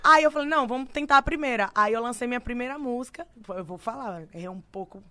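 Bright, high-voiced Brazilian woman. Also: fast. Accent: Brazilian Portuguese. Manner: animated, slangy storytelling with frequent laughs. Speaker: singer guest. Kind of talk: casual podcast chat.

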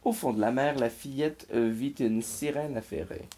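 A man reading a children's picture book aloud in a slow, expressive storytelling manner. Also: medium pitch. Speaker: reader.

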